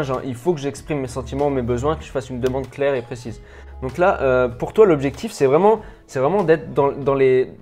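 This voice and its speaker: A man with a French accent gives an improvised self-help lesson, speaking directly and casually to the viewer. He stumbles, repeats himself and restarts sentences as he goes, at a middling pitch. Faint music plays under his voice. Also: darkish tone. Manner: stammering, many restarts and repetitions, rambling; informal, uses tu with the viewer. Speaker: personal development coach.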